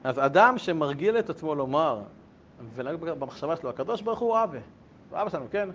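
Higher-voiced rabbi teaching in a yeshiva. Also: male voice. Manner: lively, conversational, with humorous asides and rhetorical questions. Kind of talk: Torah lesson with a told anecdote. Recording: dull lo-fi recording with faint rumble.

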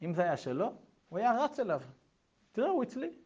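A man's voice: high-pitched, huge pitch swings, a little mellow, husky, highs cut off, voice pushed up, full character voice. A man voicing a sly, jealous village neighbor who protests in a whiny, evasive way.

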